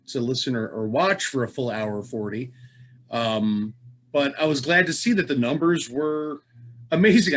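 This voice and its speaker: A man's voice: medium pitch, a bit bright. A middle-aged man hosting a casual podcast, talking in a wry, playful and rambling way. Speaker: podcast host.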